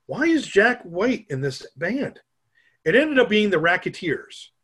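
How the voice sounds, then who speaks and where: A middle-aged man from Minnesota, talking in a fairly high voice. He rambles in easygoing podcast chat and pokes fun at himself. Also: big pitch swings, measured pace, fairly bright tone, breathy edge. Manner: rambling, joking, self-mocking. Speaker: podcast co-host. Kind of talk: casual chat.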